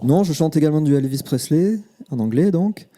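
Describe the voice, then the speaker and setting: Mellow man chatting casually. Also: a little high, lively intonation, a little fast. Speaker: guest singer. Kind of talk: casual talk show chat.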